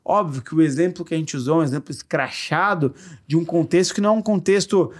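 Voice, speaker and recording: A man's voice: fairly high pitch, fast. A man co-hosting a podcast, explaining in casual chat and acting out playful examples. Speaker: podcast co-host.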